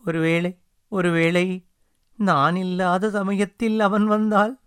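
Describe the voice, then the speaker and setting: A grieving queen speaks softly and haltingly, her words breaking off in sorrow, as a male narrator puts her on. The voice is quieter and a little lower than the reader's own, with a smooth, dry sound. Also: little pitch movement, no echo. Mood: sorrowful. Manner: soft, halting. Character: sorrowful queen, gentle and tearful.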